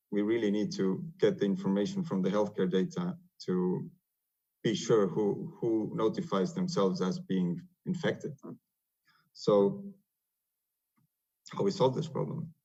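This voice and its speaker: A man's voice: fairly low pitch, gravelly, a little mellow, husky. A man with an Estonian accent, presenting on a video-call webinar in non-native English, with frequent hesitations and fillers. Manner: hesitant, many "uh" fillers and restarts. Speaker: software developer presenting on a webinar. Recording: dull lo-fi video call audio.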